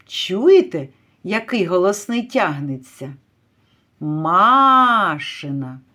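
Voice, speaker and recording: A woman teaching a literacy lesson to young children, slowly drawing out stressed vowels as she calls out words. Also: on the low side. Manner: slow, drawn-out, stretching stressed vowels to call out words. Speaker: kindergarten teacher.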